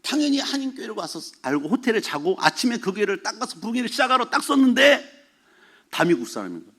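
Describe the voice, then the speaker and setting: A man preaching a Sunday sermon as pastor, telling a story in an animated way and shouting exclamations from it. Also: high voice, quick pace, slightly rough. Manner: animated storytelling, mixes formal and casual speech, shouts acted exclamations. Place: church sanctuary.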